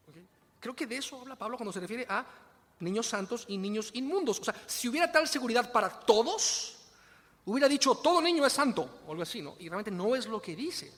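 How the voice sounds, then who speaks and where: A man's voice: high-pitched, in a large hall. A man with a Mexican Spanish accent preaching a sermon in a conversational way, often asking rhetorical questions.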